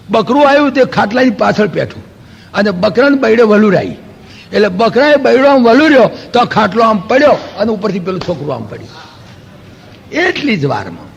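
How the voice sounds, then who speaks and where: A Gujarati man, a spiritual lecturer, gives a Vedanta discourse in a raspy, high voice, telling stories full of rhetorical questions and homely examples. He acts out quoted dialogue in lively asides, and the echoey hall leaves a long reverb.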